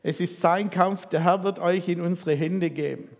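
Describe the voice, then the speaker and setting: Male preacher, slightly high voice, lively storytelling sermon, long hall reverb. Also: normal speed, vocal fry. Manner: lively storytelling, asks the congregation questions. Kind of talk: sermon reading and retelling scripture.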